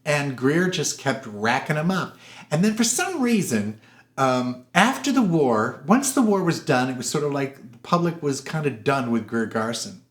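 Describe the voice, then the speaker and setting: A man hosting a casual film review show, animated and gossipy, sometimes putting on voices for quotes. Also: medium pitch, moderate pace. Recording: roomy echoey room.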